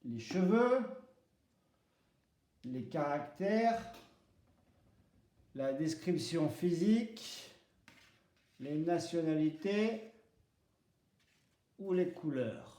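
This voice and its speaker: Man, French teacher, slightly high voice, mellow, deliberate repetition of words, echoey room. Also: expressive. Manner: spells out pronunciation rules, switching between French and Basque. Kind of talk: slow, deliberate language lesson with repeated example words. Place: home. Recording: roomy echo.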